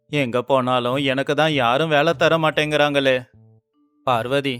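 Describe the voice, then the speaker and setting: A man's voice: mid-range voice, fairly bright tone, clean tone, natural voice. A man voicing a poor village laborer husband in a storybook cartoon, pleading and full of self-reproach, with faint music underneath. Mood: resolute. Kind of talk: storybook character voice.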